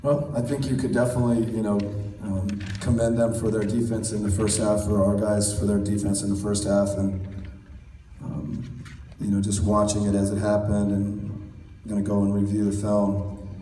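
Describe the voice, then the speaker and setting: Coach at a press table, measured and steady, low flat delivery, caught from far back in an echoey room. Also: male voice. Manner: measured, steady, many "you know" fillers. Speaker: basketball head coach. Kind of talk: postgame press conference answers. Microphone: table mic, recorded from far in the audience. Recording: roomy, distant, faint hall noise.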